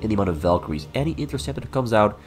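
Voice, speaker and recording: Animated esports caster, stuffed-up male voice. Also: fairly low pitch, rapid-fire, soft background music. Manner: play-by-play in short clipped phrases. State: sick with flu, stuffy nose. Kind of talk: live esports game commentary.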